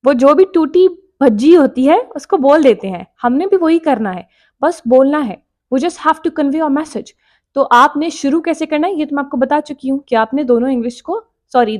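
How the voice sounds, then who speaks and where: A woman's voice: high-pitched, a little mellow. A woman English teacher giving a casual spoken lesson, talking directly and encouragingly and repeating her points.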